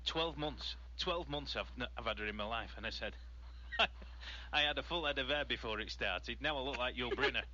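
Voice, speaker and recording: A man's voice: mid-range voice, normal speed, pushed and bright, highs cut off, a little hiss or hum. A man chatting on a radio show, telling a joking anecdote in a light, teasing way. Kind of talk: casual radio chat.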